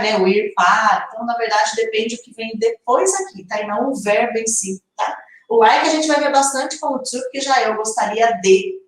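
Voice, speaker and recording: A Brazilian woman teaching English in a live online lesson, explaining slowly and checking in with her viewers. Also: on the high side, heavy reverb, distant mic, poor audio. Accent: Brazilian Portuguese.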